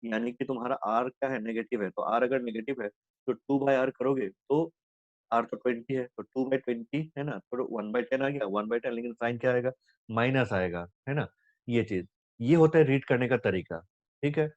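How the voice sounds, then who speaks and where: A man's voice: mid-range voice, moderate pace, dry recording. A man teaching physics in Hindi mixed with English terms, asking questions and answering them himself and tagging lines with "है ना". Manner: repeats "है ना" constantly, asks and answers own questions. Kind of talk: explaining problems on a board. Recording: dull lo-fi dry recording.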